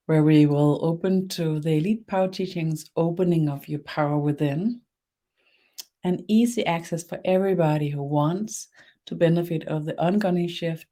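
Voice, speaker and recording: Hosting a spiritual webinar streamed live, this spiritual teacher from Denmark speaks with a Danish accent; Danish is her first language. She has a deep, warm voice and a slow delivery full of fillers and restarts.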